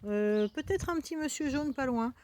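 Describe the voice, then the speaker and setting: A woman doing a sly hushed narrator. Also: high voice, animated, moderate pace. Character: wry teasing female story narrator.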